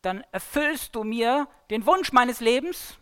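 A woman delivers a sermon-style Bible talk, retelling the story with dramatic flair. Her pitch rises and falls in a lively, animated way, and she moves between loud emphasis and near-hushed lines. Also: slow pace, clean tone. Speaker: preacher.

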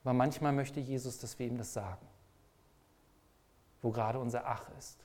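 Guy preaching a sermon, emphatic, keeps throwing questions at you, gets loud then soft. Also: medium pitch, fairly even intonation, moderate pace. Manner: emphatic, rhetorical questions, varies loudness.

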